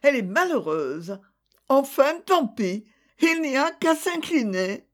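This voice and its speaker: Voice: sits high, big pitch swings, takes it slowly, voice pushed up, heavily acted. A reader voicing a plaintive, moaning middle-aged mother in a storybook.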